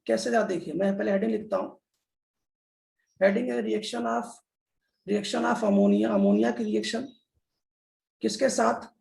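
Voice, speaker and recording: A man's voice: high-pitched, fairly even intonation, a little slow, gravelly, pauses often, a little mellow. A man teaching a chemistry lesson in a classroom style, repeating key terms and often addressing the children. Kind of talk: classroom lecture. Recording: echoey room.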